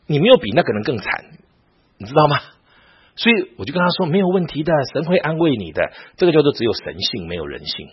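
A man's voice: medium pitch, breathy edge, dull audio. A man, a pastor, lecturing a Bible class, telling stories and often asking his listeners rhetorical questions.

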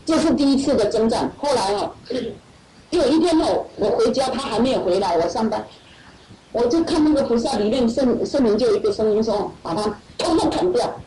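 Animated woman telling her testimony. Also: fairly high pitch, a little fast, crowd noise. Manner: animated, laughing often, acts out others' voices. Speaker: church member giving testimony. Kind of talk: personal testimony storytelling. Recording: echoey hall, far from mic, loud audience.

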